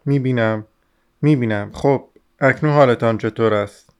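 A man's voice: medium pitch, darkish tone, clear, resonant tone, natural voice. A man doing languid self-assured doctor. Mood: languid calm. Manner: languid, offhand, matter-of-fact.

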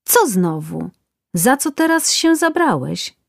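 A woman's voice: mid-range voice, expressive, slow, darkish tone, dry recording, studio quality. A woman voicing a whining man getting a tattoo, complaining and pleading in a storybook tale. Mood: pained.

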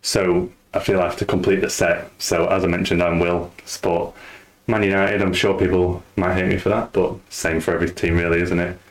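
A man hosting a casual podcast chat, talking in a relaxed, rambling way. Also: low voice, fairly quick, hardly any pauses. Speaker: podcast host.

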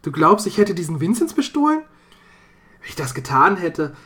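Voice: mid-range voice, big pitch swings, moderate pace, a bit bright, pitched above the performer's own voice. A narrator voicing a young man with a guilty conscience, coaxing and stammering to his sweetheart.

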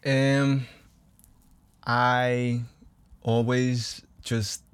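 A man's voice: medium pitch, little pitch movement, extremely slow, clean tone, no echo. A man speaking as a podcast guest, casually and earnestly explaining his ideas and often checking that he is understood. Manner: earnest explainer, often checks "you know what I mean". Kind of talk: casual, philosophical chat. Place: podcast studio.

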